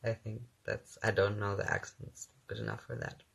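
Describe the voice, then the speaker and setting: A young man whose first language is German talks at a moderate pace in a lowish, creaky, slightly rough and bright voice with big pitch swings. An actor running his own phone livestream, he reads questions from viewers and answers with ums and laughs.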